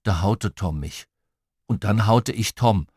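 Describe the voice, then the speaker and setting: A man reading a children's story aloud as its first-person narrator, in a playful and expressive storytelling manner. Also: on the low side, takes it slowly, husky, no room sound, clean studio sound. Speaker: audiobook reader.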